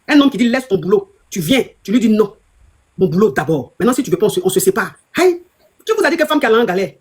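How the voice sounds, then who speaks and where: A woman's voice: fairly high pitch, slightly rough. A woman with an Ivorian French accent, a life coach giving emphatic, repetitive, scolding advice to her followers in a live talk.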